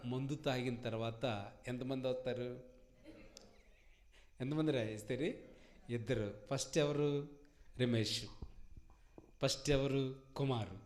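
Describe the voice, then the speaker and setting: A man with an Andhra Telugu accent preaching a sermon at an all-night prayer meeting, repeating phrases and calling for answers from the congregation. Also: medium pitch. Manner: emphatic preaching, swings from soft to loud. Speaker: pastor.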